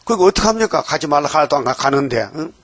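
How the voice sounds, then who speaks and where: A man preaching a dawn sermon, emphatic, often prodding his listeners with quick rhetorical questions. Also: fairly high pitch, lively intonation, a bit bright, dry recording.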